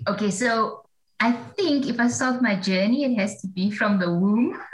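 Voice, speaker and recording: A woman's voice: medium pitch, unhurried, poor audio. A woman in her forties, a theology professor talking as a guest, chatty and reflective, laughing at herself. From South Africa. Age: 40s. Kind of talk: casual interview storytelling.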